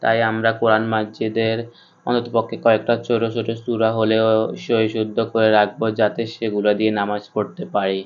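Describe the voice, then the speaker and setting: Even-voiced man teaching Quran reading. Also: on the low side, clear, resonant tone, muffled recording. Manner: slow, even, methodical letter-by-letter instruction. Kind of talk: spelling-out Quran recitation lesson.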